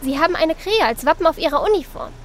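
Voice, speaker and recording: A woman playing an excitable, caring young female secret agent with an expressive anime-style delivery in an audio drama. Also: very high-pitched, quick pace, a little hiss or hum. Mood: earnest. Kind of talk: hobby audio drama acting.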